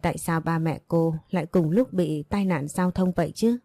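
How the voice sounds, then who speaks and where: Woman narrating a story, low voice, mellow tone, dry close mic. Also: moderate pace, no room sound.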